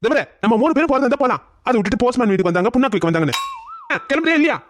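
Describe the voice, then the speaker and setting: A performer voicing a gruff, impatient husband and father in a cartoon family drama, who talks bluntly and scolds. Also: medium pitch, very animated, racing, a little hiss or hum, close to an everyday voice.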